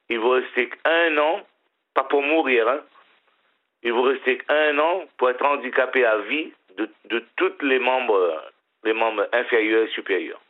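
A middle-aged man calling in to a radio show, talking haltingly with a smile in his voice and repeating his words. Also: mid-range voice. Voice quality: smiling voice. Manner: hesitant, repeats and restarts words. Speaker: caller. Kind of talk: casual phone-in chat. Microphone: telephone. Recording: tinny phone line.

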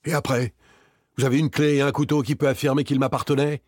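A man voicing a frightened, shifty male servant accused of murder, stammering and protesting in a high voice. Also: fairly even intonation, fast talker, darkish tone, no echo, clean studio sound, close to an everyday voice. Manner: stammering, whiny, protesting shrilly.

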